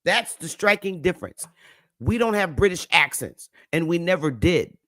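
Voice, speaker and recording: A Northern US woman hosts a livestream in a voice on the low side, animated and a bit bright, at a moderate pace with no room sound. She lectures viewers emphatically, repeats her points, and calls on the chat to answer back.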